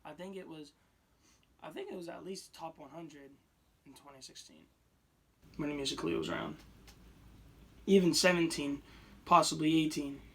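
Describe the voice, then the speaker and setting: A raspy-voiced teenage boy rambling casually into his phone camera, restarting sentences and swinging between loud and quiet. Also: fairly high pitch, fairly even intonation, moderate pace, long pauses. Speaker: vlogger. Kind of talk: casual unscripted vlog.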